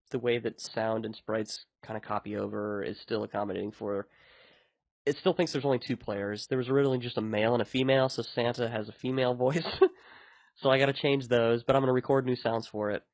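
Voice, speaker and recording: A man's voice: medium pitch, fairly even intonation, brisk, dry recording. A man hosting a podcast, talking in a casual, rambling way about his own work. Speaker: podcast host and indie game developer.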